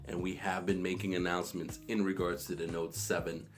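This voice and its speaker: Deep-voiced man talking in an echoey bathroom. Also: level tone, fairly quick. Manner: rambling, many restarts and fillers. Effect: echoey bathroom sound. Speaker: tech vlogger. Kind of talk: casual tech talk to camera. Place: small home bathroom. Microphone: phone camera. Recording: echoey bathroom with background guitar music.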